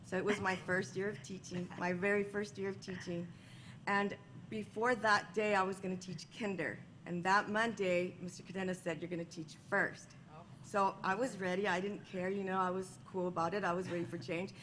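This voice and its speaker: A woman's voice: mid-range voice, level tone, fairly quick, a bit bright, slight background noise, rough recording. A woman teacher answering a panel question, nervous and chatty, often restarting her sentences.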